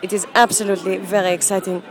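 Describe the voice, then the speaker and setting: A woman's voice: mid-range voice, level tone, fast talker, a faint crowd, close to an everyday voice. A woman performing as a flamboyant, brash cabaret diva, theatrical and gushing in comic banter for an audio postcard. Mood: gushing, catty. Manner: theatrical, gushing, calls listeners darlings.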